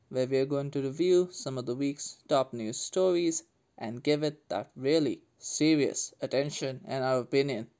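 A man's voice: fairly high pitch, darkish tone. A man hosting a football podcast, delivering comedic commentary in a sarcastic, joking manner. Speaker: podcast host.

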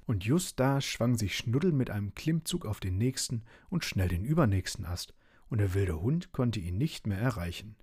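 Husky man reading a bedtime story. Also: fairly low pitch, moderate pace, no echo, clean studio sound. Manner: expressive, gently animated.

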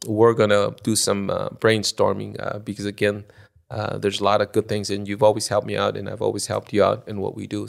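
Guy in his 60s from ecuador, gravelly, keeps restarting his sentences, chatting on a podcast. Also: on the low side. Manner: halting, restarts phrases often. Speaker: podcast guest. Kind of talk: spontaneous conversation.

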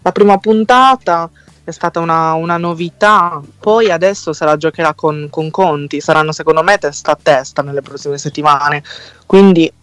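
A man's voice: on the high side, a bit bright, clean tone, no room sound. A man calling in to a live show as a guest, chatting and venting about his complaints. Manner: chatty, quick to vent and complain. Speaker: caller joining a live web show. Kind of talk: casual chat.

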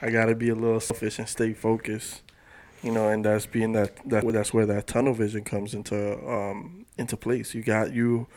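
A man's voice: lowish voice, flat delivery, moderate pace, darkish tone. A man co-hosting a casual podcast in a laid-back, profane way, acting out little exchanges as he talks. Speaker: podcast co-host.

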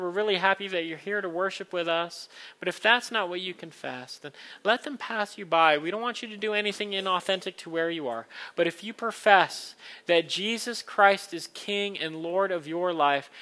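Man, pastor, high-pitched, bright forceful tone, kindly earnest preaching, liturgical phrasing, repetition. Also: moderate pace. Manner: rhetorical repetition in short phrases. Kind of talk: church sermon and communion liturgy.

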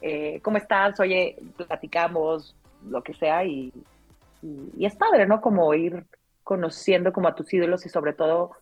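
A woman radio announcer with a Mexican accent recounts her childhood in a casual interview, her lowish voice breathy-edged and moderately paced. She tells it in a lively anecdotal way, with frequent "o sea" and "¿no?" tags. Faint music plays behind her.

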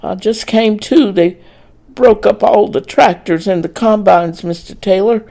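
Casting: a man playing a dazed, hurt farmhand, gravelly and slow-spoken, halting and urgent. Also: high voice, mellow, pitched above the performer's own voice. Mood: shaken. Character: injured male farmhand, shaken and worried.

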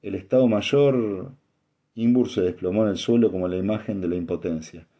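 A man narrating an audiobook in a steady, even reading voice. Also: low voice, quick pace, dull audio.

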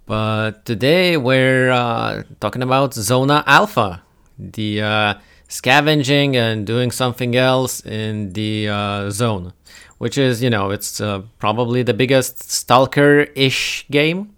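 Guy hosting a tabletop game podcast, smooth clear voice, lots of uhs, laid back chat. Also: medium pitch, unhurried, a bit bright. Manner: hesitant, many "uh" fillers, laughs often. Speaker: podcast host.

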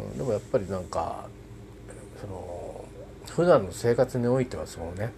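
A man talking alone in a casual spoken diary, rambling politely with many fillers and restarts and trailing off softly at the ends of phrases. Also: low-pitched, a little hiss or hum. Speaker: solo podcast host.

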